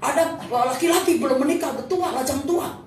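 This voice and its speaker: A woman preaching a sermon, animated and full of stories, at times breaking into shouts. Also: high voice, moderate pace, a little hiss or hum. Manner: animated, storytelling, bursts into shouting. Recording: echoey hall, far from mic.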